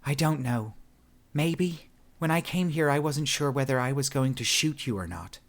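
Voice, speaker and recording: A man's voice: medium pitch, moderate pace, voice pushed up, close to an everyday voice. A male narrator voicing a guarded young woman who speaks dryly and firmly, in audiobook narration. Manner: dry and firm.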